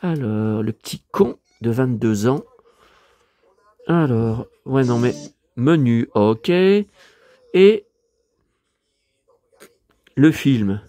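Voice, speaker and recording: Hoarse man chatting casually to viewers. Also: mid-range voice, expressive, very slow, long pauses, warm tone, no room sound, faint music behind. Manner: exclamatory, muttering to himself while browsing. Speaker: vlogger showing his purchases. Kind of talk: casual vlog chat to viewers.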